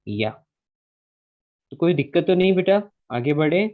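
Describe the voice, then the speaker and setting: A man's voice: on the high side, expressive, phone-quality sound. A male physics teacher, giving an online class and patiently repeating key phrases. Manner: patient, repeats key phrases slowly, calls students beta.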